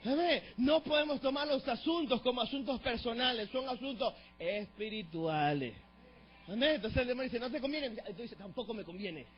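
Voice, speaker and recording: A Venezuelan man preaching a sermon as pastor, swinging from hushed asides to shouted emphasis and urging the congregation to repeat after him. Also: very high voice, animated, normal speed. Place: church sanctuary. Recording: dull lo-fi church recording with faint mains hum.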